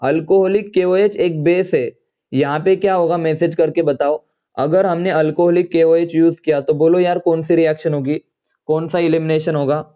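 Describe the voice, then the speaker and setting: A man teaching an online chemistry class, repeating points and firing quick questions at his students. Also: fairly high pitch, fairly even intonation, smooth, highs cut off.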